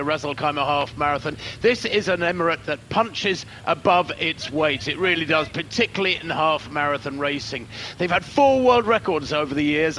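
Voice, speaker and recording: A man commentating on a road race, brisk and informative, over background music. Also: on the high side, a bit bright, slight background noise.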